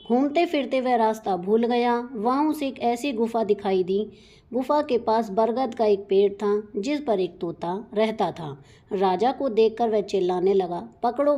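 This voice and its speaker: A woman teacher reading a children's story aloud and going through the lesson questions in a clear, careful voice. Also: a little high, dark tone.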